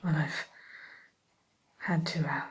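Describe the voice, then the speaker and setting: A woman voicing a vain, sly witch tutor in a whispered ASMR roleplay, genteel and gently condescending to a pupil, with a soft, breathy, hesitant delivery. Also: low voice, fairly even intonation. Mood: sly, advising. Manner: unhurried, hesitant, politely condescending, addresses listener as pupil.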